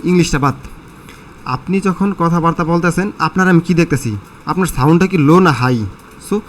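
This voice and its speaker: A man's voice: on the high side, slight background noise. A man teaching an English listening lesson, explaining in a conversational way with many fillers and questions to his students.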